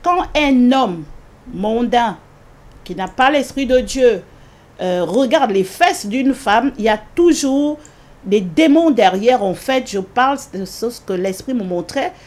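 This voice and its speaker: Woman telling her faith testimony, slightly high voice, earnest, lots of repeats and ums. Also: expressive, slow, darkish tone. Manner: earnest, repetitive, with many hesitations; rises sharply in pitch when quoting her own pleas. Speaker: guest giving a religious testimony. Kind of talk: spoken personal testimony.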